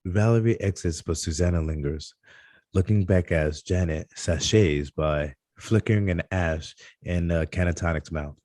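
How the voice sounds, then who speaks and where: At a table read, a man narrates screenplay stage directions in a deep, mellow voice. He reads haltingly, stumbling over the occasional word, and the recording is dry and close.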